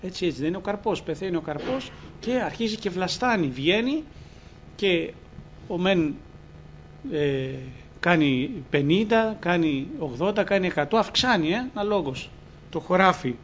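Fervent male preacher with a high voice, earnest testimony, dull recording with faint hiss. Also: lively intonation, fairly bright tone. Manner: earnest, fervent, often quoting scripture with "λέει". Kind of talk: testimony sermon.

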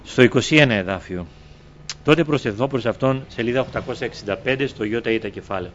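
A man preaching a sermon, climbing high on key words, with restarts and fillers, and reading from scripture. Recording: dull lo-fi recording with faint noise.

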